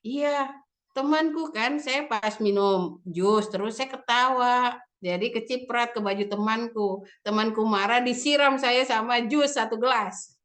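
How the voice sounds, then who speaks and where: A woman's voice: fairly high pitch, unhurried, a bit bright. A woman voicing her young schoolboy son as he earnestly explains a fight at school, in a plain, matter-of-fact childish retelling.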